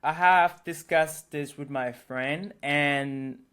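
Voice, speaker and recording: A young man from Thailand, a native Thai speaker, talking in a casual interview and pausing to search for words. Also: on the high side, fairly bright tone, clear, resonant tone. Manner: hesitant, searching for words with many fillers. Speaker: interview guest. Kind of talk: casual conversation.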